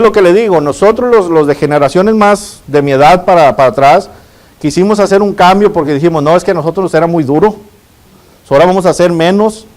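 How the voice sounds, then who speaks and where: A man's voice: a little high, a little mellow. A middle-aged man, preaching a sermon and asking his congregation rhetorical questions. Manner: addresses the congregation as brothers and asks rhetorical questions. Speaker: pastor.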